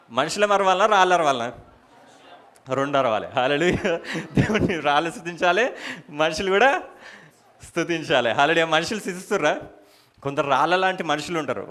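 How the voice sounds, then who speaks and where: A man preaching a church sermon in a Telangana Telugu accent, with shouted hallelujahs and rhetorical questions. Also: fairly high pitch. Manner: soft murmured prayer at the start. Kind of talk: church sermon with opening prayer.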